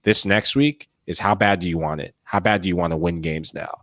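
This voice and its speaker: Deep-voiced and fairly quick, this man co-hosts a soccer podcast on a dry recording with clean studio sound. His casual analytical chat is animated: tactics pour out in long flowing runs, and he acts out lines players and coaches might say.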